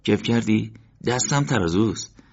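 A man's voice: on the low side, expressive, slightly rough, pitched above the performer's own voice. A man voicing a curious, eager teenage boy who keeps asking questions, in an audiobook. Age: teen. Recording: dull lo-fi recording.

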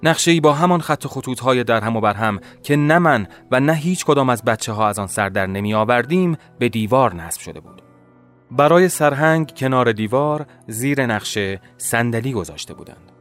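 Man narrating a story over soft music. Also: medium pitch, lively intonation. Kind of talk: first-person audiobook narration.

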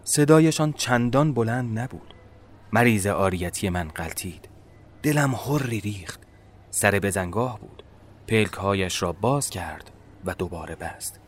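A man narrating a first-person story in a measured, dramatic storytelling manner. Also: lowish voice, animated, a little hiss or hum.

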